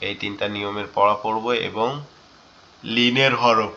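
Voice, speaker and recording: A man leads an online Quran reading class, speaking with a bright, forceful tone. He drills letters and vowels in an even, unhurried voice, and the call audio sounds dull and lo-fi. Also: fairly low pitch, a little hiss or hum. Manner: slow, drawn-out Arabic prayer recitation, then steady letter-by-letter drilling. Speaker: Quran teacher.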